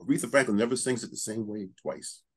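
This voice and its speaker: A middle-aged man hosts a casual interview in a small studio with a banner backdrop, talking into a studio mic on a stand. His husky, mid-range voice moves fast with fairly even intonation, and he's chatty and enthusiastic, dropping plenty of "you know"s.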